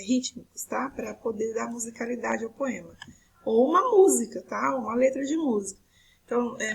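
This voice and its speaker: A woman's voice: on the high side, husky, rough recording. A woman teacher with a Brazilian Portuguese accent, explaining a recorded video lesson step by step and often checking in with her students.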